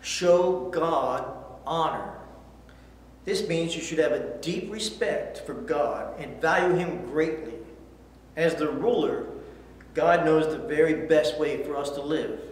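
A middle-aged man takes it slowly as he teaches children a Bible lesson, earnestly reading scripture aloud and asking questions in a fairly high voice. He's indoors on a church studio set with a backdrop, and the sound echoes like a hall with a faint hiss.

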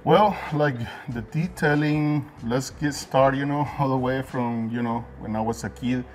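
A man's voice: mid-range voice, unhurried, soft background music. Earnest Guatemalan-born man hosting a chat. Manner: plain-spoken, earnest storytelling with fillers. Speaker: host. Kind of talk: casual interview. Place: detailing supply shop, indoors.

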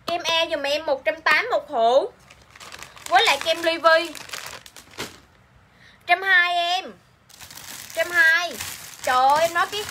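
With a very high, sharp voice and a Southern Vietnamese accent, a woman runs a live-sale chat for clothes. She repeats each line to coax viewers, and slight background noise is audible.

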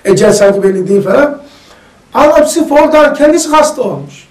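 High-voiced man leading a study circle. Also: lively intonation, a little fast, a little mellow. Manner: chatty, storytelling, asks the group questions. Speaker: religious study circle leader. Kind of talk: casual religious lesson with anecdotes. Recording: echoey room, mic far off.

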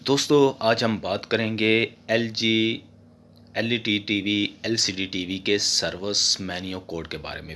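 A man's voice: low-pitched, pushed and bright, a little hiss or hum. A man hosting a casual how-to tutorial for his TV repair channel, chatty and often ending lines with "okay". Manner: voice-over with no face on screen.

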